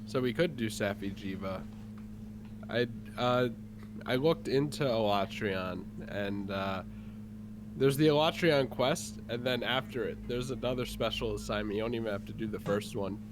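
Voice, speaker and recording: A congested-sounding man with a lowish voice talks at a moderate pace in casual voice chat, laying out game plans in a rambling way full of fillers. The voice chat audio is noisy.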